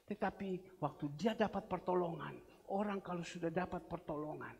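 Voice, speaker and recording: A middle-aged man preaching a sermon as pastor, swinging from loud emphatic outbursts to quiet low asides. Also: normal speed, creaky, a little hiss or hum. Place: large church hall. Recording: church hall reverb.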